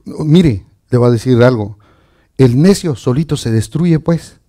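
A man preaching a lively sermon, often chuckling and calling his listeners brother. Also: medium pitch, a little slow.

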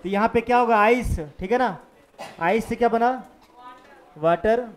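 This physics lecture comes from a male teacher with an extremely high pitch who speaks unhurriedly. Blending Hindi and English in a Jharkhand-region accent, he dictates notes to the students and quizzes them.

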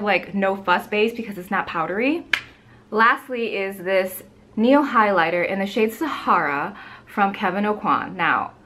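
A woman's voice: medium pitch, sharp tone. Chatty woman reviewing makeup. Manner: chatty, lots of "like", gushing. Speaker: beauty vlogger. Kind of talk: casual product review. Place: bright home room with plants.

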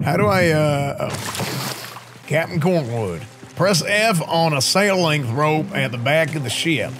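Higher-pitched man casually streaming a game. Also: expressive, takes it slowly. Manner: goofy, slangy, easily startled exclamations. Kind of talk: casual live gaming commentary. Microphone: boom microphone close up, streaming setup. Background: game music.

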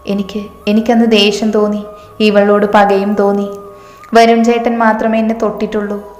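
A woman's voice: mid-range voice, darkish tone, lightly acted. Give me a frightened, stammering young woman, as a woman narrator plays her, in a reverberant hall. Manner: halting, stammering. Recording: echoey room with long reverb.

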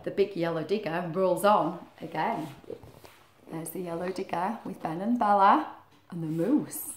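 In a small living room with a roomy echo, a middle-aged woman reads a picture book to children, her voice low and a little slow with slight background noise. She reads expressively, adding chatty questions and asides.

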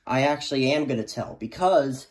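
Filmed on a handheld phone in a small room, a teenage or young adult student reviews a weather radio. His hobbyist commentary is casual and rambling, frequently trailing off, delivered in a mid-range voice at a moderate pace.

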